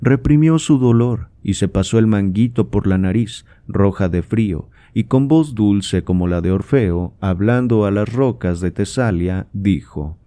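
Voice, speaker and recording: Dark-voiced man reading a novel aloud. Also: lowish voice, measured pace, hardly any pauses, no room sound. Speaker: audiobook reader.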